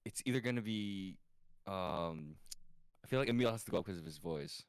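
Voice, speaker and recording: A low-voiced man with a gravelly texture, chatting as a player at a tabletop game. He jokes around and pushes the others to act, and the sound is dry and close. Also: lively intonation, normal speed, no echo. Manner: joking, egging others on. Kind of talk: casual game chat.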